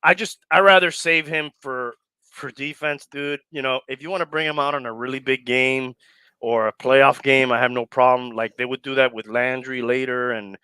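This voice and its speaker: A man's voice: medium pitch, steady tone, moderate pace, bright, forceful tone, smooth, no echo. A man co-hosting a casual sports podcast, laid-back, swearing casually and saying dude a lot. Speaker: podcast co-host.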